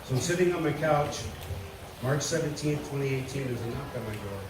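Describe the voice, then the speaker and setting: A man's voice: mid-range voice, fairly quick. A middle-aged man, the father of the bride, giving a wedding speech as a folksy, joking storyteller. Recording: echoey hall, distant mic, loud noise.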